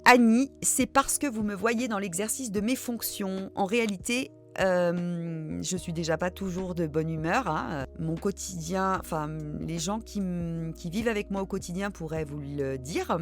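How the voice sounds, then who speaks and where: Chatty low-voiced woman. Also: a little slow, few pauses. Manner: chatty, self-deprecating, many hesitant fillers. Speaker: host of a reading channel. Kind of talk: casual chat answering viewer questions.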